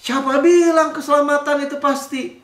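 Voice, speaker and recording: A male pastor preaches an animated sermon, jumping between loud mocking impressions and quiet asides. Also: very high-pitched, moderate pace, roomy sound. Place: church.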